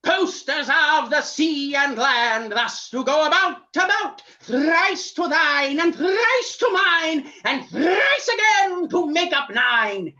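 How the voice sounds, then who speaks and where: A man's voice: expressive, slow, hardly any pauses, bright, forceful tone, highs cut off, heavily acted. A man playing a chanting stage witch. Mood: incanting. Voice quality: declaiming with sweeping pitch. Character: man rehearsing a cackling witch, theatrical. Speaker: actor playing a witch in rehearsal.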